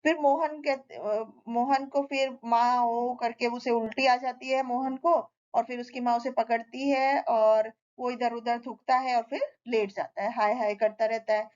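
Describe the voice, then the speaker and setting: A woman retells a story in a loose, conversational way, often restarting her sentences. Her voice sits fairly high, and the recording has a slightly dull, lo-fi sound. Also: fairly even intonation, unhurried, hardly any pauses, a little mellow. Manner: casual, with restarts and fillers.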